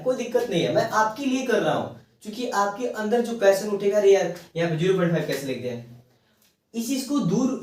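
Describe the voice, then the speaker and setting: Echoey, high-voiced male math teacher. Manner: reassuring, works sums aloud step by step. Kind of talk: blackboard math lesson. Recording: very echoey room, far from mic.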